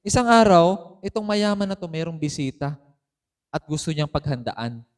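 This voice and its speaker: A man's voice: on the high side, lively intonation, normal speed. A man preaching a sermon as pastor, telling the story with bursts of emphasis. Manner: storytelling, mixing in English phrases, rising emphasis. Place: church.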